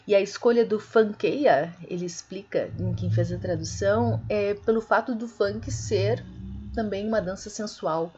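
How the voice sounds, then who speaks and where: A woman teaching an online literature class, explaining slowly, with many fillers and corrections. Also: mid-range voice, dark tone, husky, muffled recording. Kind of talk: online lecture.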